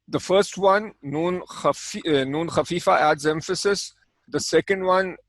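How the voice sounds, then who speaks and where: A man teaching an Arabic grammar lesson, explaining calmly and step by step, with Arabic terms spoken in between. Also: fairly high pitch, dry recording, low-quality recording. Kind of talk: recorded language lesson.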